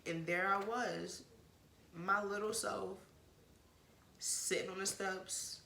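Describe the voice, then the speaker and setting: A woman's voice: medium pitch, steady tone, takes it slowly, vocal fry, pushed and bright, slight background noise. A woman vlogger frankly telling an emotional personal story in casual talk, with plenty of swearing and rambling asides. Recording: roomy echo.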